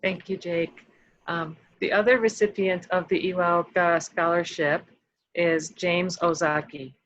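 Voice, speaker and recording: A host presenting scholarship awards at an online ceremony, pausing often with ums and slightly losing their voice. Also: mid-range voice, steady tone, fairly bright tone, no room sound, poor audio. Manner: halting, many ums.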